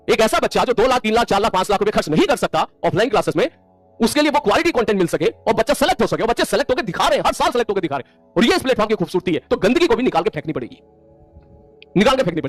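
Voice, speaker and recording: A male online teacher in a stern, scolding lecture, talking rapidly at a high pitch. He addresses his students directly and hammers his point home, with a faint trace of music behind him. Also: no echo.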